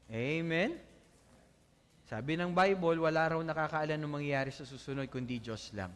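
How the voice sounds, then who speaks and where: A man preaching a sermon to his congregation, mixing Tagalog with English, often laughing and asking "Amen?". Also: sits high. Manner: animated, asks the congregation "Amen?"; laughs often while telling jokes. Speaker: pastor. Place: church hall before a congregation. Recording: long church hall reverb.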